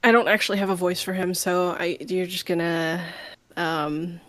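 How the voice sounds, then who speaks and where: A woman playing a tabletop game, describing her character and chatting in an unhurried way. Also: fairly low pitch, fairly even intonation, fairly bright tone. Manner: slow, unhurried, laughs often. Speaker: player.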